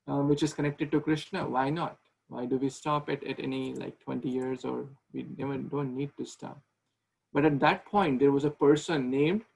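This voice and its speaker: A man's voice: on the high side, gravelly, darkish tone, low-quality recording. A man in his thirties giving a conversational online devotional class over a video call, with frequent restarts. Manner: conversational, repeats and restarts words, asks questions. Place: small room indoors with ceiling fan. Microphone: video call webcam.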